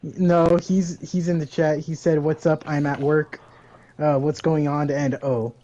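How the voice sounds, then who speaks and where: A man's voice: on the high side, flat delivery, a little slow, mellow, lo-fi sound. A young man co-hosting a podcast, chatting casually with a laid-back, teasing, slangy manner. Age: young adult. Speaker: podcast co-host. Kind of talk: casual chat.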